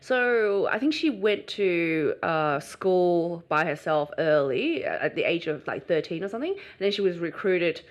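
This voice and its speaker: A woman's voice: on the low side, expressive, a little slow, hardly any pauses, muffled recording. A woman co-hosting a podcast, chatting playfully and laughing a lot. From China. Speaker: podcast co-host. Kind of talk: casual chat.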